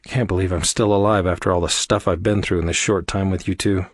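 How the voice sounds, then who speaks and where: A man's voice: low-pitched, steady tone, a little fast, no echo, clean studio sound. A man voicing a jumpy, wisecracking young human man in an audiobook, complaining a lot. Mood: breathless.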